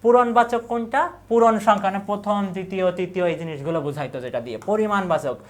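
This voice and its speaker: A man's voice: high voice, fast talker. A man with a Bangladeshi Bengali accent, tutoring for university admission in an exam-prep lecture, asking each question and then repeating the answer.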